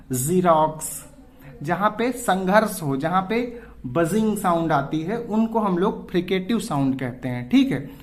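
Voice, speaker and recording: Man teaching, answering his own questions. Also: high-pitched. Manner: asks questions and answers them himself; slow, drawn-out example words. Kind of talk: exam-prep lesson.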